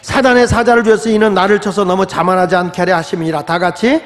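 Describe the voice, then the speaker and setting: High-voiced pastor preaching in an echoing hall. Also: male voice, fairly even intonation, fast talker. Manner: emphatic, casual preaching, leads congregation in reading. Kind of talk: sermon. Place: church sanctuary. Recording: long reverb of a large hall.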